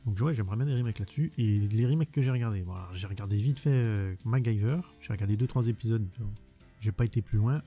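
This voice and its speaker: A man's voice: fairly low pitch, quick pace, warm tone, soft background music. A man chatting bluntly in a casual vlog, rambling and restarting as he answers viewer questions. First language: French.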